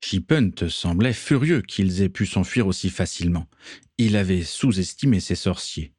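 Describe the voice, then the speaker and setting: A male narrator reads a story aloud in a low, measured voice. The recording is close and dry, with no room echo. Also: husky. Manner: even, measured reading. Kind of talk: storybook reading.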